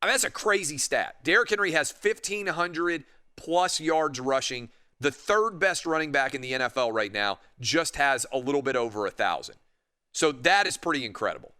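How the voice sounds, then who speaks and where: Bright, forceful male sports radio host. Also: fairly high pitch, lively intonation, normal speed, clean tone. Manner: emphatic, argumentative. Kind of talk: opinionated commentary with callers. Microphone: close studio microphone.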